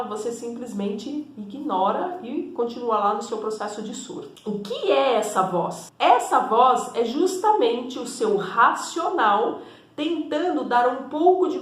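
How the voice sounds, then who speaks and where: A woman therapist giving a conversational, explanatory teaching talk, often checking in with tag questions. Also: fairly high pitch. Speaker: energy and spiritual therapist. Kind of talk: teaching monologue to camera. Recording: echoey room.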